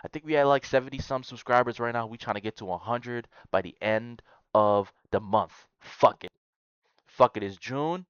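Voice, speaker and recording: Blunt, profane man with a smooth voice. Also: mid-range voice, normal speed, no echo, lo-fi sound. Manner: profane, blunt, with loud outbursts. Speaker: YouTuber reacting to Reddit posts. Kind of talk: casual reaction commentary.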